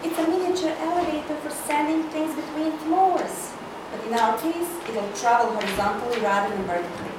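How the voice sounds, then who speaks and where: Voicing a domineering, haughty corporate older sister in a screenplay cold read, a woman sounds bossy and dryly sarcastic, her natural voice high-pitched and a little fast. The indoor reading hall was recorded from far off, so there's echo and loud noise.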